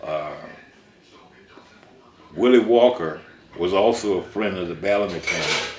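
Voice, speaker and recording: A man's voice: deep voice, measured pace, roomy sound, a crowd in the background. An older man from Mississippi, a songwriter, recalling his life in a rambling way with many restarts.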